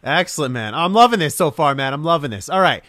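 A man's voice: on the high side, expressive, quick pace, a bit bright. Hyped-up male podcast host. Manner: hyped, calls guest "man" and "brother". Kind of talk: enthusiastic podcast interview.

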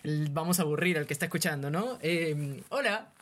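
A man narrating as the writer of an audio story, calm and teasingly amused. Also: fairly high pitch, fairly quick.

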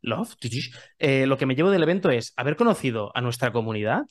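A male podcast co-host in easygoing conversation, talking loosely with restarts. His voice sits at an ordinary middle pitch, and he slips playful asides into his plugs for the show. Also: lively intonation, fast talker. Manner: chatty, promotes the show with self-aware humor. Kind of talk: casual podcast chat.

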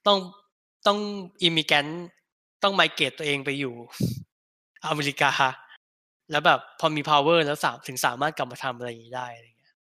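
Bright-voiced man in casual chat. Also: a little high, expressive, dry recording, studio quality. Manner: blunt, crude slang, halting restarts. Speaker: podcast co-host.

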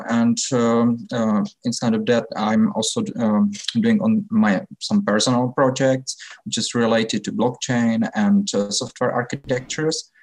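Halting Czech-accented man, lowish voice. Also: darkish tone, rough recording. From Czech Republic. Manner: halting, searching for words in non-native English. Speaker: interview guest, technology innovator. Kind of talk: unscripted explanatory interview talk.

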